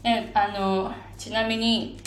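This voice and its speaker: A woman coach walks through a chart with patient, lively explanations, using plenty of fillers and slipping in English words. Her voice sits at a middle pitch and carries the ring of a roomy space with faint background noise. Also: takes it slowly. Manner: drops in English phrases.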